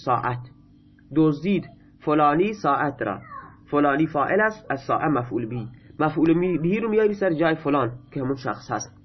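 Husky man patiently explaining a grammar lesson. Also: on the high side, lively intonation, muffled recording. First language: Persian. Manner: reads Arabic text then explains it patiently in Persian, repeating examples. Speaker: Arabic grammar teacher.

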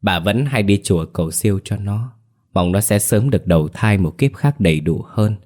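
Guy reading a ghost story, low voice, soft and emotional when doing the characters. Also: expressive, moderate pace. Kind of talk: scripted ghost story narration.

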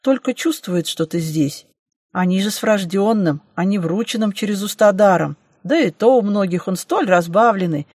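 A woman's voice: medium pitch, lively intonation, moderate pace, a little mellow, breathy edge, no echo, clean studio sound. A woman voicing a grumpy, fussy old hunchbacked gatekeeper in an audiobook, scolding in a bureaucratic way. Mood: grumbling. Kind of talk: audiobook reading.

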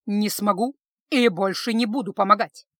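A woman's voice: medium pitch, normal speed, dry recording, clean studio sound, close to an everyday voice. A woman reading the part of a weary, defiant young woman who answers bluntly and sarcastically.

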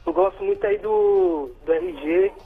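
A man calling in to a radio show over a phone line, halting and repeating words as he talks. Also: high voice, crowd noise. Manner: halting, repeats words while searching for what to say. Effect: heard over a phone line. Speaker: radio call-in listener. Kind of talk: casual phone-in chat. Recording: muffled phone call with music under it.

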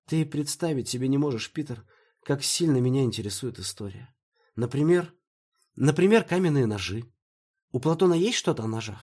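A man's voice: mid-range voice, expressive, normal speed, darkish tone, husky, pitched above the performer's own voice. A man reading an audiobook, voicing an anxious, pleading young woman in a dream with urgent, emotional delivery. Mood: excited. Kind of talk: audiobook character voice.

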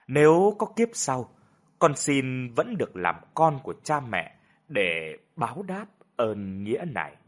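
A man's voice: medium pitch, sing-song, unhurried. A man voicing a tearful young pregnant daughter begging her parents. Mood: pleading. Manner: pleading, sobbing.

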